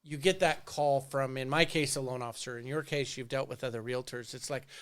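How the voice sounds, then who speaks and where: A man's voice: medium pitch, fairly even intonation, fairly quick, clean tone. A man hosting a podcast interview, friendly and affirming, laughing along with his guest. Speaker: podcast host. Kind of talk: casual interview chat.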